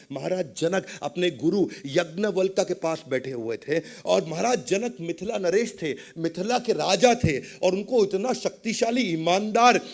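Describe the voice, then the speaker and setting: Brief: a male motivational speaker, high-voiced and theatrical, voicing the characters in his stories. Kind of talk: motivational storytelling talk.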